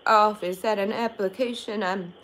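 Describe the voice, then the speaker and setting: A woman's voice: mid-range voice, fairly even intonation, moderate pace, fairly bright tone, a little hiss or hum, close to an everyday voice, low-quality recording. A young woman voicing a confused, literal-minded old woman in an improvised prank call, hesitant and befuddled. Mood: puzzled, literal. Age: young adult. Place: small furnished bedroom.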